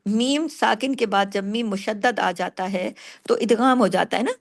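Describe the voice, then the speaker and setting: A woman teaching Quran recitation rules, explaining patiently, asking and answering her own questions, and slowing down to recite words. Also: medium pitch. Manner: slows down sharply to recite words. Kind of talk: tajweed lesson, explaining and reciting.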